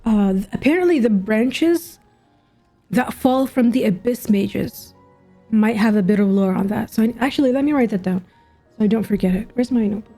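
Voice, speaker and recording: A woman streams a game playthrough, reacting to a story quest with casual commentary, wondering aloud and asking questions. Her voice is fairly high and animated, her pace moderate, with soft game music underneath.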